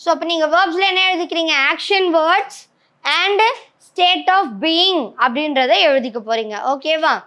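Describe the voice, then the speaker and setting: A woman's voice: extremely high pitch, unhurried, bright, forceful tone. A woman with a Tamil accent teaching an English grammar lesson, often stopping to ask the class if they follow. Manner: checks understanding with frequent "okay?".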